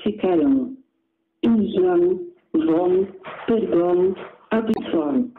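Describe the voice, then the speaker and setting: A man voicing a patient, know-it-all male tutor in a cartoon skit, explaining calmly and methodically. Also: sits high, very slow. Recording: tinny phone-like sound with faint hiss.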